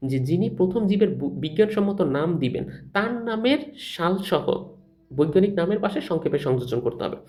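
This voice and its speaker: Fast-talking man teaching a class. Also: a little high, darkish tone. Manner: fast, colloquial explaining, asks and answers own questions. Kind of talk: recorded lecture with slides.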